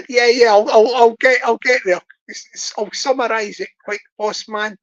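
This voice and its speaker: An older Scottish man hosts his own YouTube channel, chatting casually to livestream viewers in a very high, fairly bright voice. He rambles, repeating words as he restarts sentences, and the recording sounds muffled.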